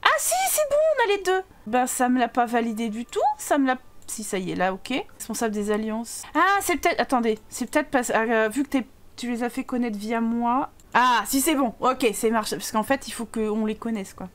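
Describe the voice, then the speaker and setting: A woman with a high voice narrates her game at home into a desk mic. She talks playfully and lively, slipping into her characters' lines as she plays. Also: moderate pace, few pauses. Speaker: gaming YouTuber. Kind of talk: Let's Play commentary.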